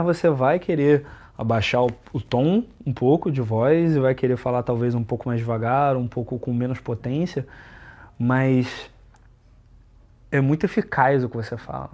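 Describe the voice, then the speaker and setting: A young man hosting a casual podcast chat about dating, animated, swinging his loudness and pitch, swearing for emphasis. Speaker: dating coach and host.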